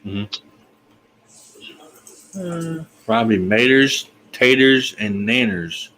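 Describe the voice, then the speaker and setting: A man's voice: mid-range voice, lively intonation, takes it slowly, a bit bright, poor audio. A man hosting a casual online group chat, joking and tripping over tongue twisters.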